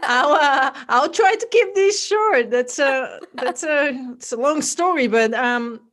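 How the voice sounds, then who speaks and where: A woman's voice: sits high, expressive, slow, fairly bright tone. A middle-aged woman from Bulgaria with a mixed Bulgarian accent, chatting as a podcast guest and telling her story with frequent fillers. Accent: Bulgarian, mixed with Australian and American. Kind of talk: casual interview chat.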